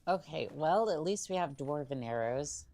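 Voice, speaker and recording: A woman's voice: deep voice, expressive, moderate pace, dark tone. A woman livestreaming a video game, chatting casually with playful teasing and hesitant musing aloud. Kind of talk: casual chat over gameplay with in-character asides.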